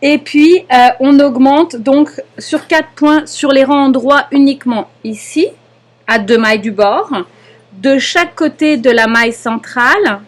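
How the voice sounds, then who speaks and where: The high voice here belongs to a young adult French-accented woman running a live online knitting lesson. Patient and explanatory, she goes step by step with frequent hesitations and "d'accord?" checks with her students.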